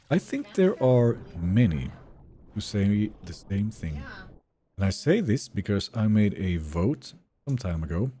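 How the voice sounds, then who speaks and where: Low mellow-voiced young man streaming. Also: slightly rough. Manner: relaxed, chatty, reads and answers chat. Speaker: game streamer. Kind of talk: live gameplay commentary.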